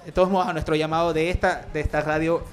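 A man's voice: on the high side, level tone, fast. A man hosting an online radio show who has a cold, agreeably summing up what his guest says. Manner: agreeable, affirming and summarizing. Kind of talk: casual online radio interview.

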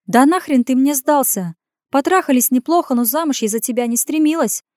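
A woman's voice: high voice, animated, a little fast, a little mellow, no echo, studio quality, voice pushed up. A woman putting on a sly purring temptress. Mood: mocking. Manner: bossy and mocking. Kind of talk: audiobook character voice.

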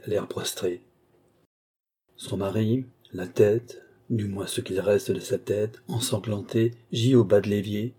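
Brief: male narrator for a rural crime novel, measured, husky and mellow. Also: lowish voice. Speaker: audiobook narrator.

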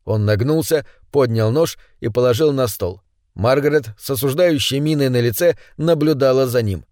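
A man narrating an audiobook with measured, dramatic reading. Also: medium pitch, darkish tone, no echo, clean studio sound. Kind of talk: scripted narration.

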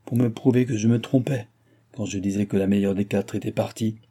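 A man's voice: on the low side, steady tone, brisk, dark tone, slightly rough. A man reading an audiobook, voicing an aging king who is furious and sorry for himself, grumbling and exclaiming bitterly. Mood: angry.

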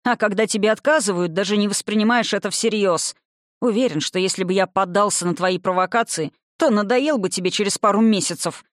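A woman voicing a stern, commanding young man in an audiobook, speaking low and domineering with anger. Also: fairly quick, no echo, clean studio sound, natural voice. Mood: angry.

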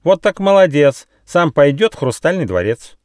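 A man's voice: a little high, sing-song, moderate pace, a little mellow, no echo, studio quality, voice pushed up. A man voicing a hysterical female kookaburra bird that shrieks and cackles in rhymes. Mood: shrill mocking. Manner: cackling, rhyming chatter.

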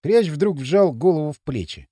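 A man narrating an audiobook in an expressive storytelling manner, close to the mic. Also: on the high side, normal speed, dry recording.

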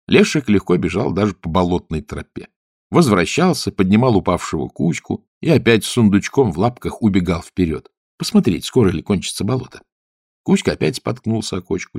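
Gravelly, husky male storyteller. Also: deep voice, brisk, no echo, clean studio sound. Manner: expressive, hushed at times. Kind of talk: storybook narration.

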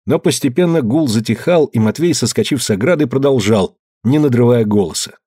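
Man, audiobook narration, animated pitch, dry close sound. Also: brisk, breathy edge, dry recording. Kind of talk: scripted narration.

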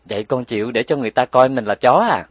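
A man's voice: on the low side, animated, moderate pace, no room sound. Man voicing a patient, firm mother. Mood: stern. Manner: gentle scolding, patient explaining. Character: tender but firm mother, middle-aged woman.

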